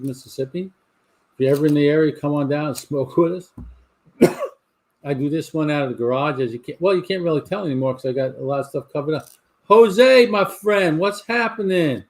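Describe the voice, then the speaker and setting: A man's voice: fairly high pitch, darkish tone. A man, hosting a live cigar talk show from his garage and telling rambling stories with lots of restarts. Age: 60s. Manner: rambling storyteller with frequent restarts. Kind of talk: casual chat to a live audience. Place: home garage.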